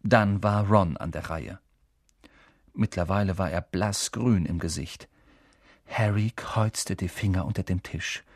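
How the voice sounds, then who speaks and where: A man narrating an audiobook in an expressive, storytelling manner. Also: low-pitched, measured pace, dry recording, studio quality. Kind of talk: scripted narration.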